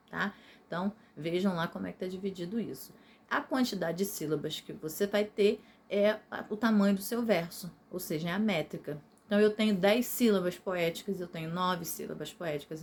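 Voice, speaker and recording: A woman's voice: on the low side, darkish tone, slight background noise. A woman teacher with a Brazilian accent, patiently explaining a recorded video lesson to ninth graders and often checking in with her listeners. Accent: Brazilian Portuguese.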